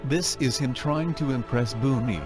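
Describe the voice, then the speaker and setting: A male-sounding robotic text-to-speech voice narrating a fan-made conspiracy video in a flat, mock-serious tone. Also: mid-range voice, normal speed, over music. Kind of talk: scripted narration.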